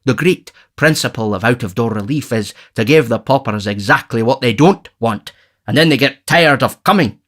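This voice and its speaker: A man voicing a pompous, self-important middle-aged parish beadle in an audiobook, lecturing loudly. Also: mid-range voice, lively intonation, moderate pace. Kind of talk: audiobook character voice.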